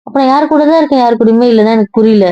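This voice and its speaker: A woman's voice: mid-range voice, fairly even intonation, brisk, no echo, natural voice. A woman playing an upset young wife in an amateur audio drama, protesting and explaining herself at length. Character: hurt, defensive young wife. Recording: dry, dull lo-fi audio.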